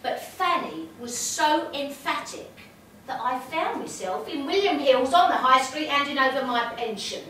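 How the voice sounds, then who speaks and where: A woman's voice: sits high, expressive, unhurried, a bit bright. A woman playing a chatty, genteel older female medium, fussy, gossipy and amused at herself. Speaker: spirit medium. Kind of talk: stage monologue. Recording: roomy, distant and noisy.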